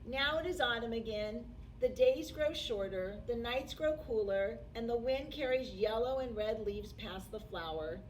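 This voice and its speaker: A woman reading a picture book aloud to young children as a storytime host, with deliberate, expressive phrasing and dramatic pauses. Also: on the high side. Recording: distant microphone with faint background noise.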